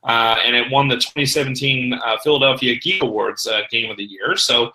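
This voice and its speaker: A middle-aged man talking casually on a podcast, voice very bright and forward. He rambles and leans on fillers, and the sound carries a noticeable room echo. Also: mid-range voice, brisk. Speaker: podcast guest.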